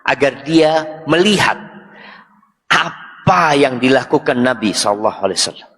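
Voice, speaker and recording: A man's voice: medium pitch, moderate pace, fairly bright tone, in a large hall, a little hiss or hum. A man preaching a sermon. He recites Arabic phrases, explains them, and asks his listeners questions. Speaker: Islamic preacher.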